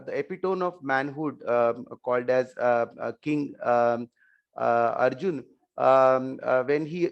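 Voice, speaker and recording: A man with an Indian accent speaking as an expert panel guest, explaining in halting, short phrases. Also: a little high, highs cut off. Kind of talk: explanatory panel talk with slides.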